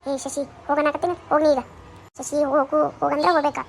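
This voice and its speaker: A woman's voice: high-pitched, level tone, rapid-fire, a little hiss or hum. A woman playing a worried middle-aged mother in a comedy skit, with a North Karnataka Kannada accent, lecturing and nagging. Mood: scolding. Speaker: skit actor.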